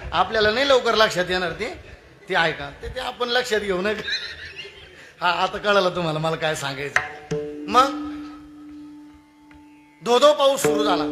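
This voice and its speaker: A man's voice: sits high, lively intonation, moderate pace, long pauses, music in the background. A man preaching a devotional kirtan, telling stories and asking the audience questions, repeating words for emphasis. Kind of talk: devotional sermon storytelling.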